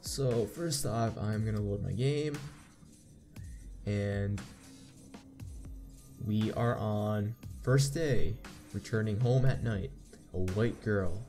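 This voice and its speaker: A man hosts a visual novel playthrough, reading the on-screen story aloud and commenting casually over the game's background music. His lowish voice is mellow and slow, with long pauses.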